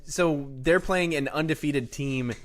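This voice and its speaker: A man's voice: on the high side, a little slow, crowd noise. A man hosting a sports podcast, reading out youth soccer match results in a casual, joking way. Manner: reads out youth soccer results, jokes along. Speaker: podcast host.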